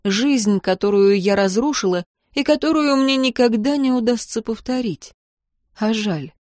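A woman narrating a novel in the first person, calm, measured and expressive. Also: fairly high pitch, no echo, studio quality. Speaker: audiobook narrator.

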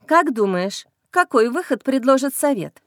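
A woman's voice: high voice, very animated, normal speed, no echo, studio quality, voice pushed up. A woman voicing an anxious, fretful female werewolf mother in an audiobook. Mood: worried. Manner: fretful, pleading. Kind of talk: audiobook character reading.

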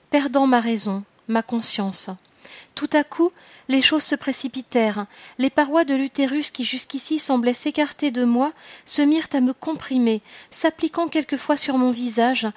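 A woman's voice: high-pitched, a little mellow, no echo. Woman reading a grave first-person story. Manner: measured, grave literary reading. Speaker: audiobook narrator. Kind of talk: scripted first-person narration.

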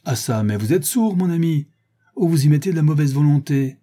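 Male narrator as a proud English detective: clipped, commanding, mellow and husky. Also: on the low side, normal speed.

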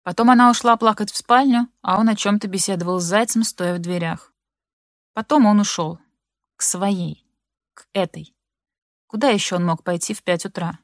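Woman reading a novel aloud, expressive, dry close sound, middle pitch. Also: normal speed, no room sound. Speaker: audiobook narrator. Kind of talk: literary audiobook narration.

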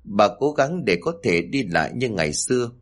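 Husky man narrating. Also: fairly low pitch, moderate pace. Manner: steady, plain reading. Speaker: storyteller. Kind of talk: storybook narration.

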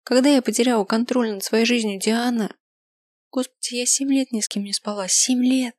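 A woman's voice: on the high side, steady tone, moderate pace, no room sound, pitched above the performer's own voice, natural voice. A woman voicing a distraught young woman who speaks in a strained, tearful, raised voice. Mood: distraught, angry.

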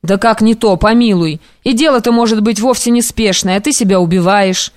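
A woman's voice: mid-range voice, a little fast, darkish tone, no echo, studio quality, close to an everyday voice. A woman voicing a devoted young male friend who speaks urgently and beseechingly, in an audiobook. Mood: worried.

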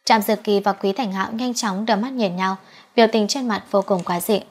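A woman reading a romance novel aloud as an audiobook narrator, in a steady, even storytelling delivery. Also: medium pitch, brisk, breathy edge. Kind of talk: scripted narration.

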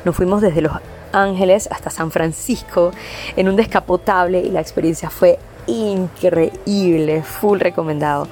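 A woman's voice: lowish voice, fairly even intonation, measured pace, a little mellow. A young Panamanian woman with a Panamanian Spanish accent, a band singer answering interview questions in a chatty way, with many "eh" fillers. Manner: chatty, lists things with frequent "eh" fillers.

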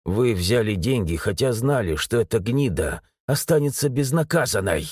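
A man's voice: mid-range voice, animated, normal speed, slightly rough, no room sound. A man voicing a bitter young man who lost his legs and feels betrayed by his parents. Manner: bitter, shouting then quiet.

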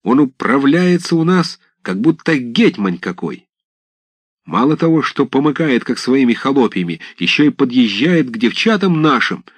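A man voicing a burly young village reveller in a storybook reading, boisterous and rabble-rousing, pitched well above his own voice. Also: very animated, moderate pace, no room sound. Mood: rowdy.

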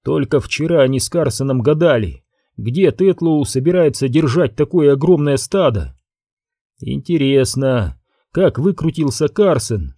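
Mellow male audiobook narrator. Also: medium pitch, measured pace, no echo, studio quality. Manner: steady storytelling. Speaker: audiobook reader. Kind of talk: scripted narration.

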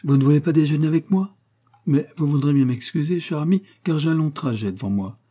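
A man's voice: fairly high pitch, brisk, dark tone, pitched above the performer's own voice, lightly acted. A man reading an audiobook voicing an effusive, evasive aristocratic lord who chatters jovially and talks over others. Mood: breezy jovial.

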